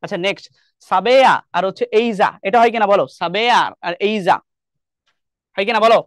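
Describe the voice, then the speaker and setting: A man's voice: high voice, steady tone, quick pace, no echo, clean studio sound. A young man with a Bangladeshi Bengali accent teaching an online English class, explaining step by step and quizzing his students often. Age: young adult.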